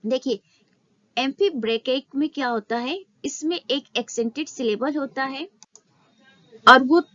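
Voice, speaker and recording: A woman teaching an exam-prep literature lesson, explaining in a Hindi-English mix, asking questions and answering them herself, and reading English statements slowly. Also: high voice, bright, forceful tone, no room sound. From India. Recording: slightly dull, dry sound.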